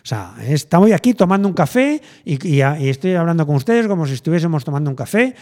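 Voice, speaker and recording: Rambling middle-aged man, lively pitch. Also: fast talker. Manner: rambling, thinking aloud with many fillers and restarts. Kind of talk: casual chat.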